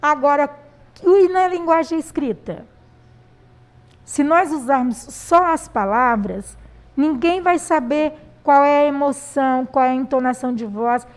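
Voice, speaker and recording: Slow, patient Brazilian teacher woman. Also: high-pitched, darkish tone. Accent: Brazilian Portuguese. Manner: slow, patient explaining with many pauses and fillers. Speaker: primary school teacher. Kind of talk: recorded classroom lesson.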